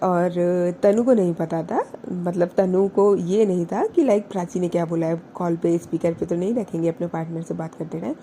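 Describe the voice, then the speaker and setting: Mellow, chatty young woman storyteller. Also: fairly low pitch, slight background noise. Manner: chatty, mixing in English words. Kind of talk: casual spoken storytelling.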